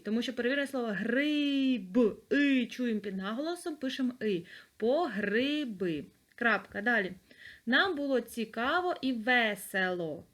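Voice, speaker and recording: A woman teacher with a fairly high voice giving an online lesson to children. She dictates patiently, repeating words slowly and clearly. Recorded on a computer mic. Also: a bit bright. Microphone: computer mic, screen recording.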